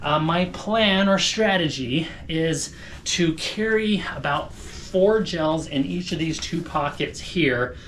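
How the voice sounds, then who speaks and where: A man's voice: fairly high pitch, lively intonation, takes it slowly, fairly bright tone, a little hiss or hum. A man talking casually to camera as a running vlogger, explaining things informally and thinking aloud. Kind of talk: casual vlog talk to camera.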